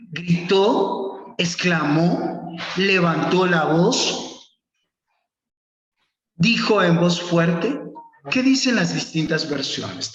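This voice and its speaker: Slow-spoken man teaching a class. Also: a little high, a little hiss or hum. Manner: slow, instructive, calls on students by name. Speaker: preaching workshop teacher. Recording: echoey, dull lo-fi room sound.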